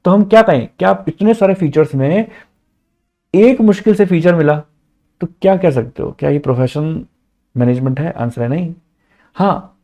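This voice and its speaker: A man's voice: mid-range voice, dark tone. A man teaching a casual exam revision lesson, chatty, asking questions and answering them himself. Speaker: commerce teacher. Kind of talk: casual Hindi-English exam revision lecture. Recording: slightly dull lo-fi sound.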